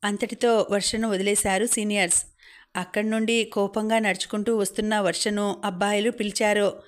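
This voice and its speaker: A woman reads a novel aloud as an audiobook narrator, in steady scripted narration. Her pitch barely moves from line to line. Her voice sits at an ordinary middle pitch. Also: moderate pace. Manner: even, steady reading.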